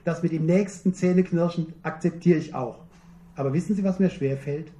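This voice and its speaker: A man preaching a sermon, earnest and emphatic, slowing down to repeat key phrases. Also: fairly high pitch, mellow, roomy sound.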